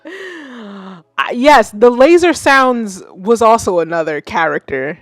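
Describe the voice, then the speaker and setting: A woman in her thirties hosting a live music feedback stream, chatting casually, animated and self-mocking, talking to her chat. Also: a little high, takes it slowly, no room sound, studio quality. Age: 30s. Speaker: livestream host giving music feedback. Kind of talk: casual livestream commentary.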